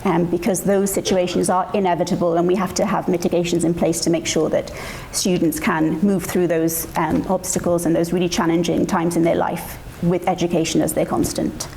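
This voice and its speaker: A woman giving a conference presentation in an earnest, deliberate way, stressing and restating her points. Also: fairly low pitch, little pitch movement, vocal fry, mellow, a little hiss or hum. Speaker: panel speaker on assessment.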